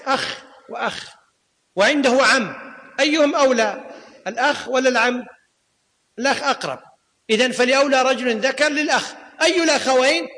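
A man's voice: very high-pitched, sharp tone. A man teaching a class, quizzing his students and repeating key points. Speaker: teacher of Islamic law and grammar. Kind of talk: classroom lecture. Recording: long reverb of a lecture hall.

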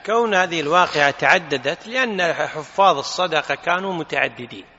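A man's voice: a little high, expressive, fairly quick, bright, forceful tone. Emphatic male teacher in an echoing hall. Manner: emphatic, asks rhetorical questions. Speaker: religious teacher. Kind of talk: explaining a religious text. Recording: reverberant hall, dull lo-fi sound.

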